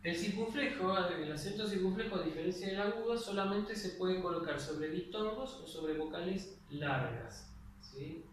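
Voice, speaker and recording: A young Argentine man teaches a class in a slightly high voice. The room rings with heavy echo, and he sounds set back from the mic. A faint hiss runs underneath as he explains patiently, checking in after every point. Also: normal speed. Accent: Argentine Spanish. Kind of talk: classroom lecture. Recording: very echoey room, voice far from the mic, faint noise.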